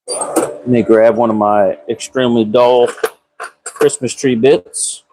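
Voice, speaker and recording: Slow-drawling man. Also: medium pitch, fairly even intonation, warm tone, a little hiss or hum, poor audio. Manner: folksy, slangy cracker talk. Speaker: live streamer working on cars in a garage. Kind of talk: casual live-stream chat while working. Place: garage.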